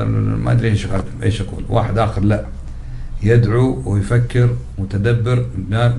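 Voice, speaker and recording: A man's voice: mid-range voice, darkish tone. A man teaching a religious lesson, explaining patiently, repeating key words and putting questions to his class. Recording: roomy echoey recording.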